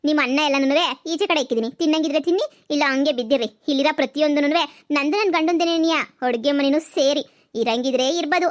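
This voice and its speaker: A woman voicing a defiant young daughter-in-law who scolds and taunts her in-laws in a cartoon comedy. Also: high-pitched.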